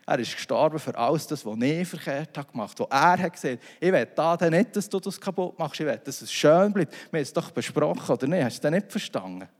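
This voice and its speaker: A man's voice: fairly high pitch, lively intonation, fast talker, few pauses. A man preaching a sermon in a loose, conversational way full of asides and restarts. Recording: long reverb of a hall.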